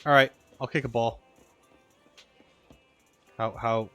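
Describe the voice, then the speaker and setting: A man's voice: mid-range voice, fairly even intonation, slow pace, fairly bright tone, smooth, faint music behind, voice pushed down. A man voicing a timid, clumsy male robot soccer player who makes excuses. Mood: unsure. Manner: meek, apologetic, making excuses.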